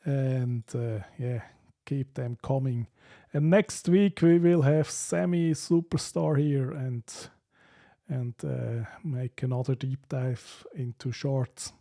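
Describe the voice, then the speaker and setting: A Swiss man hosts a relaxed live stream, reading viewer comments aloud and laughing often between hesitant sentences full of fillers. His mid-range voice is creaky and dark in tone, with fairly even intonation and a slow pace.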